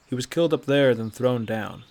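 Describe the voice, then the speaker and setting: A man's voice: mid-range voice, normal speed, a little mellow, natural voice. A man voicing a curious, earnest young male hunter who keeps asking questions, in a read-aloud fantasy story. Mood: questioning. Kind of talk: audiobook character voice.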